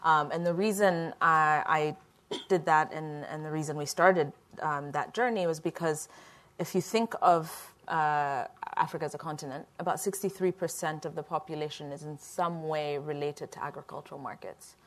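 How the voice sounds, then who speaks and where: A middle-aged Ethiopian woman who founded a company answers panel questions in a relaxed, reflective manner. Her voice sits low and she speaks at normal speed.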